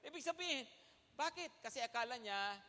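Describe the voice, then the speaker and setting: Emphatic high-voiced preaching man. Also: expressive, brisk, pushed and bright. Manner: emphatic, calls for "Amen?" often, mixes Tagalog and English. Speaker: pastor. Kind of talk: sermon. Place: large church hall. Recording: long hall reverb.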